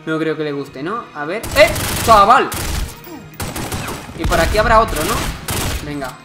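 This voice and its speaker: Guy commenting on a game, chatty and jokey, game music loud behind him. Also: on the high side, expressive, a little fast. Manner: chatty, joking, exclaims at the game. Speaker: gameplay commentator. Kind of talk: casual let's-play commentary.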